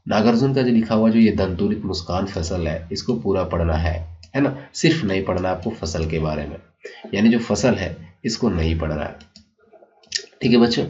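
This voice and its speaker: Low-voiced man explaining a syllabus. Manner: repeats "ठीक है" and addresses children warmly, explanatory. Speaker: teacher. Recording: dull lo-fi sound.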